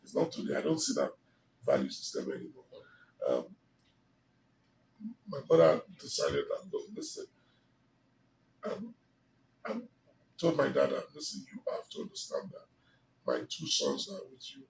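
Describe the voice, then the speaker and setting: His mid-range, creaky voice swoops wildly in pitch at a moderate pace, pausing often: a middle-aged man with a Nigerian English accent recounting his life story. He's emphatic and expansive with many fillers, sitting on a living room sofa while the interviewer holds a handheld mic. The recording sounds roomy and slightly distant, with slight background noise.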